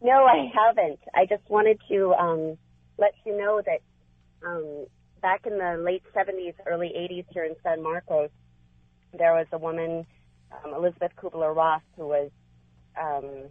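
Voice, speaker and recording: A woman's voice: on the low side, fairly even intonation, normal speed, no room sound. A woman calling in to a radio show, chatty and matter-of-fact as she recounts local history. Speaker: caller. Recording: phone line.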